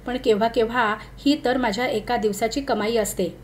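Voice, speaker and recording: A woman's voice: on the high side, moderate pace, slight background noise, lightly acted. A woman reading a bold, cool-headed young woman. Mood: calm. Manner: calm, easy and commanding. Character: bold, self-assured young city woman.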